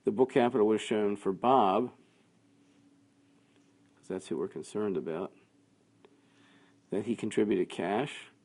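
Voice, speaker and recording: A man teaching a class, working through quiz answers out loud in a conversational way. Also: fairly low pitch, unhurried, long pauses. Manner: thinking aloud, conversational, with fillers.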